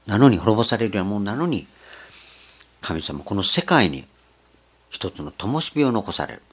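An older man giving a slow, reflective sermon, pausing often with fillers. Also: lowish voice, very animated, slightly rough. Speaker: preacher.

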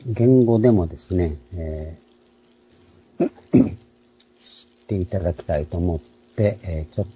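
A man giving an online Bible lecture, explaining at an unhurried pace and clearing his throat often. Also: deep voice, expressive, mellow, dull audio. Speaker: Bible teacher.

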